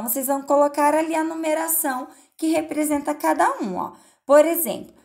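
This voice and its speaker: Lively woman teacher explaining to kids. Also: high voice. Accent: Brazilian Portuguese. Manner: patient, questions and answers herself. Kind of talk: recorded remote lesson for children.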